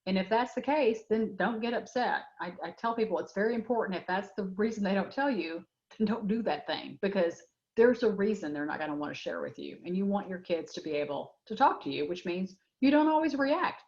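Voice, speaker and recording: A woman's voice: mid-range voice, animated, brisk, darkish tone. A middle-aged woman presenting a workshop, answering audience questions with frank, direct advice and many fillers. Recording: dull lo-fi web audio.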